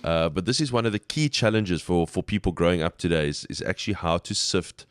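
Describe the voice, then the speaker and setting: A man's voice: low-pitched, animated, brisk, clear, resonant tone, no room sound, clean studio sound. A man giving thoughtful interview answers, hesitantly repeating words as he reflects. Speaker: interview guest.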